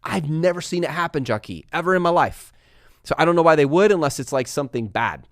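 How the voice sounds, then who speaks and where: A man from Texas and California hosting a casual live stream, talking fast and energetically while reading viewer comments aloud. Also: fairly high pitch, expressive, dry recording, clean studio sound. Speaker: livestream host answering viewer questions.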